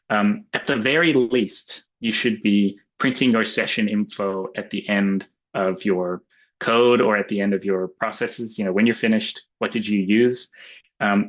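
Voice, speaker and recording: Low-voiced Australian man on a lo-fi webinar. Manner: casual, many ums and uhs. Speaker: webinar presenter. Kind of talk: relaxed webinar talk with slides. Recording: dull lo-fi webinar audio.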